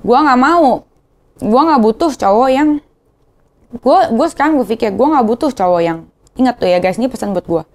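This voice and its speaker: Young jakarta slang girl venting on her vlog, a bit high voiced, rambles and repeats stuff. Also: lively intonation, normal speed. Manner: emotional, rambling, repeats herself. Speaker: vlogger. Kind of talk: casual confessional vlog.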